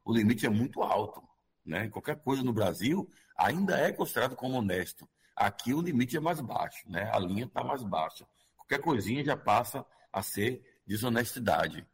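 A man's voice: medium pitch, sing-song, moderate pace, breathy edge. A man with a Brazilian Portuguese accent explaining things as a guest expert in an interview, often checking for agreement in a conversational way.

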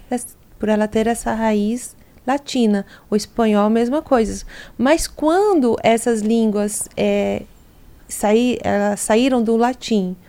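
Woman educator, higher mellow voice, patient explainer with examples, interview guest. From Brazil. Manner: explanatory, walks through word examples. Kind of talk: interview talk.

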